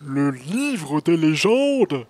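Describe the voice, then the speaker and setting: A man voicing a big, casual, evasive male moose with a deep, drawling voice in a children's audio story. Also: sing-song, extremely slow, darkish tone, full character voice. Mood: easygoing.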